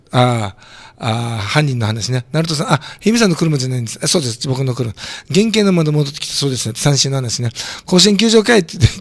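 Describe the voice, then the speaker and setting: A hoarse man with a throat cold hosting a community radio show, chatting casually and joking while reading listener comments. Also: fairly high pitch, no room sound. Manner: chatty, jokey, reacts to comments aloud. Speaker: radio host.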